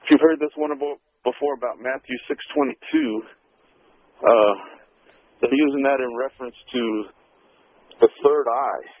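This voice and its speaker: A man calling in to a radio show over the phone, talking quickly and hesitantly as he searches for his words. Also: medium pitch. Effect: phone line, heard as a radio show caller. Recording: tinny narrow phone line.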